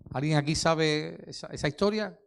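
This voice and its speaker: A man's voice: a little high, moderate pace, vocal fry, smooth. A male pastor, preaching a sermon, asking the congregation questions and repeating key phrases for emphasis.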